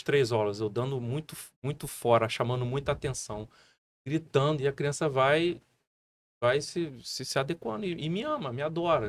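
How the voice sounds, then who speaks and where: Animated Brazilian man telling stories. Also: mid-range voice, no echo. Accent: Brazilian Portuguese. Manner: animated storytelling with many fillers. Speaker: guest martial arts instructor. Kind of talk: casual podcast conversation.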